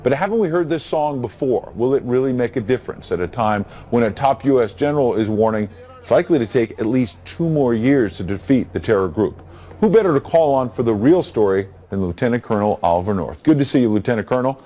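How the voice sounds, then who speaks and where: A man hosting a cable news show, reading viewer posts and interviewing a guest in a brisk, wry way. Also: medium pitch, animated, dark tone, slight background noise. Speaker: TV news host.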